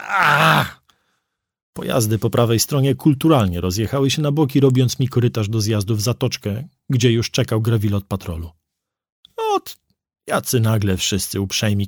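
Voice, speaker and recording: A man's voice: mid-range voice, a little mellow, no echo, studio quality. A man reading a first-person story aloud as an audiobook narrator, with vivid storytelling delivery.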